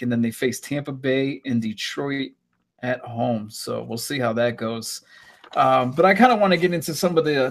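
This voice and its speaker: A man hosting a casual sports podcast, asking relaxed, rambling questions about the week's games. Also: medium pitch. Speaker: sports talk host.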